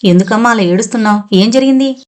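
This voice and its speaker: Woman narrator doing a kind, protective young man, quick to anger. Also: a little high, a little mellow, lightly acted. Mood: caring. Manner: caring, hot-tempered.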